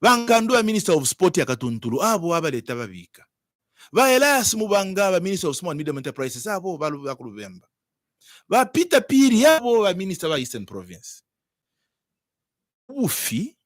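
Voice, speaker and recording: A man's voice: a little high, dry recording, clean studio sound. A man with a Zambian accent speaking as a politician in an interview, arguing emphatically and repeating words and phrases.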